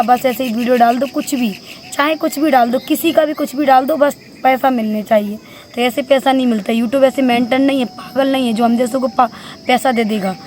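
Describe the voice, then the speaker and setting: Earnest high-voiced woman vlogging. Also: a little mellow. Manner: earnest, heartfelt, repetitive and pleading. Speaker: YouTube vlogger, housewife. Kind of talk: casual motivational talk to camera.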